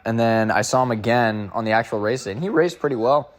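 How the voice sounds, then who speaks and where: A man's voice: mid-range voice, fast talker. A young man chatting casually as a running vlogger, rambling with lots of filler words and slang. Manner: rambling, full of "like" and "bro".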